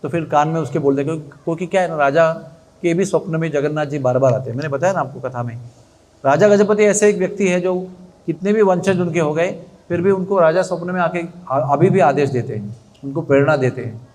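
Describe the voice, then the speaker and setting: A man telling a devotional story as a sermon, animated and chatty, with asides to his listeners. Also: fairly high pitch, fairly quick. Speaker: religious storyteller.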